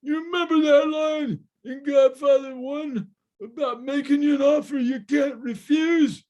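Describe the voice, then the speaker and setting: A man voicing a flashy, threatening male mobster with a loud, high, nasal gangster drawl. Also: fairly even intonation. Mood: menacing. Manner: booming, drawn-out, mock-grand delivery.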